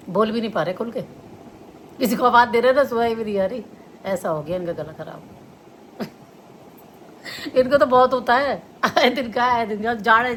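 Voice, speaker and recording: A woman's voice: fairly high pitch, fairly bright tone. A chatty middle-aged woman, talking to her viewers at home. She laughs often while she tells her story. Faint room noise sits under her voice. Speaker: vlogger. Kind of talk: casual chat to viewers.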